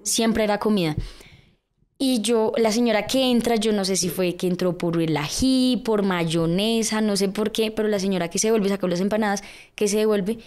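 Podcast guest: a young Colombian woman, a middle-pitched voice, chatty storyteller who acts out the people she quotes. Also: normal speed. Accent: Colombian Spanish. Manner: lively narration full of fillers, with acted-out quotes. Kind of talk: personal storytelling in a podcast interview.

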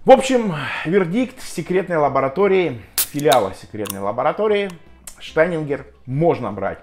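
A man giving a casual, chatty and jokey review to viewers, speaking with hesitant pauses as a vlogger. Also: on the high side, big pitch swings, a little mellow. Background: music.

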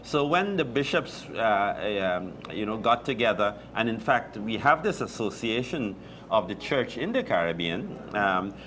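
An older man talks in a low voice, stopping and restarting his phrases with plenty of fillers. He speaks on a lapel mic in a small indoor room with a faint hum behind him. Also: sing-song, fairly bright tone. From Guyana. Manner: halting, many restarts and fillers. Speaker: deacon guest. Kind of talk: casual chat.

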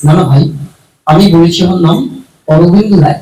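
A man voicing a flustered grown man puppet, speaking lower and gruffer than his own voice, insisting and correcting. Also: a little fast, dark tone. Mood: exasperated. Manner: exasperated, insistent. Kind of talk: live puppet show voice. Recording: roomy, distant with music.

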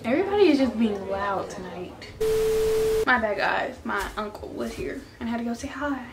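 A woman's voice: a little high, big pitch swings, moderate pace, crowd noise. A young woman vlogging casually to camera from home, chatty and full of filler words. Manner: chatty, heavy use of filler "like". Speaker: beauty vlogger.

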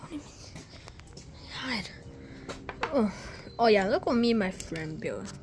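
A woman giving excitable, casual gameplay commentary, swearing and dropping to whispers while hiding. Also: mid-range voice, a little slow, over music. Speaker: gamer.

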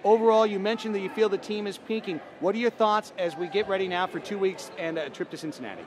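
High-voiced man asking postgame questions. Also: a little hiss or hum. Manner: brisk, stat-heavy questions. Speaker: sports reporter. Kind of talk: postgame field interviews. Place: indoor soccer arena floor.

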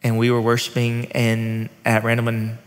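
A man's voice: medium pitch, monotone, normal speed. A man in his thirties, a pastor, interviewing a colleague in a friendly, informal way on a church stage with a headset mic. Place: church stage set with armchairs. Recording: long reverb of a large hall.

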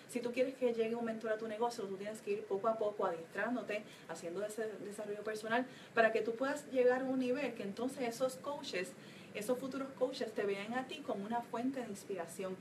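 Energetic woman coach, distant mic. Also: on the high side. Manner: energetic, emphatic, with frequent fillers. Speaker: business coach. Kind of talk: motivational talk to a group. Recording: distant mic with faint room noise.

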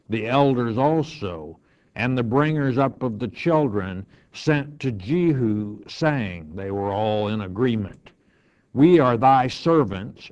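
A man's voice: medium pitch, a little mellow, dull audio. A male pastor teaching verse by verse, reading scripture aloud and then explaining it in plain words.

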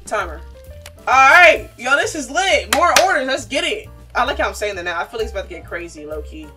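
A woman's voice: on the high side, big pitch swings, brisk, pushed and bright, recorded from a distance, faint music behind. A young woman giving casual, slangy gameplay commentary, animatedly talking to herself and to her viewers. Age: young adult. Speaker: gaming streamer.

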